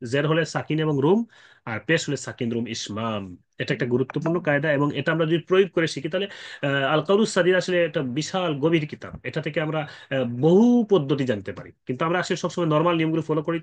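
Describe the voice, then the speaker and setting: A man giving a Quran recitation lesson. He explains the rules with fillers, then chants the example verses slowly and more loudly. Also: a little high. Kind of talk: tajweed lesson, explaining in Bengali.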